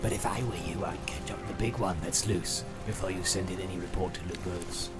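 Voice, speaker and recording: A man voicing a crafty, sneering male orc captain with a rough, jeering voice. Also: low-pitched, fairly even intonation, a little fast, over loud music, pitched below the performer's own voice, lightly acted.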